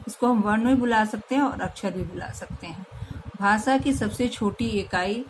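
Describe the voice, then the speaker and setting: A woman teacher giving a slow grammar lesson to young children, patiently spelling out each sound. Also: medium pitch, slight background noise, poor audio.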